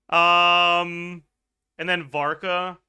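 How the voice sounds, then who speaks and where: Bright-voiced swearing game streamer man. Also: sits high, clear, resonant tone. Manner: casual, swears, laughs, thinks aloud. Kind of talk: livestream game chat.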